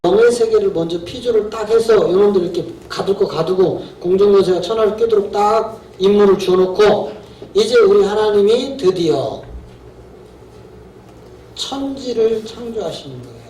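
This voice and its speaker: A man's voice: sits high, normal speed, dark tone, slight background noise. A man preaching as a pastor at a seminar, talking colloquially and emphatically, often asking his audience rhetorical questions. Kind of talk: sermon. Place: seminar hall. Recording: echoey hall from far off.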